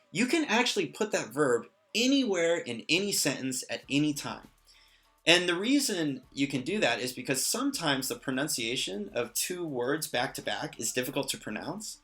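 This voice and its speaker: Bright-voiced man teaching casually. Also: medium pitch. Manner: relaxed, many fillers, joking asides. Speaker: language teacher. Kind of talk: casual lesson.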